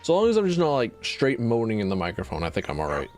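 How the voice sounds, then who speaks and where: A man's voice: mid-range voice, huge pitch swings, quick pace, darkish tone. A young man streaming live, chatting casually in a rambling, self-deprecating way and swearing freely. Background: faint music.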